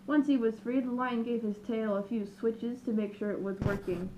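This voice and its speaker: A woman reading a children's picture book aloud with lively, expressive narration. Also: fairly high pitch, normal speed, noisy background. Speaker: storyteller. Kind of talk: children's storybook read-aloud.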